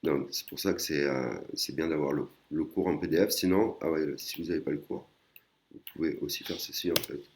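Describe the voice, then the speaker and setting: A man teaching a language lesson in a casual way, with many pauses and fillers, explaining patiently and often adding a tag word at the end of his sentences. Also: very deep voice, a little hiss or hum. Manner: hesitant, many fillers and restarts. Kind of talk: casual screen-recorded lesson.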